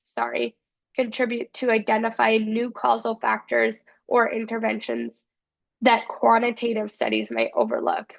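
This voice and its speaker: A student presenter with a cold gives a casual academic talk in a slightly high voice with vocal fry. The recording is muffled, and she sounds earnest while using lots of fillers.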